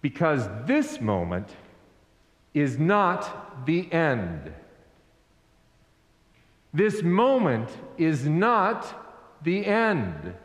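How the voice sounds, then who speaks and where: A male pastor preaching an Easter sermon in a slow, deliberate way. He asks the congregation to repeat lines after him. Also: fairly high pitch, huge pitch swings. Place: church sanctuary. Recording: echoey hall with long reverb.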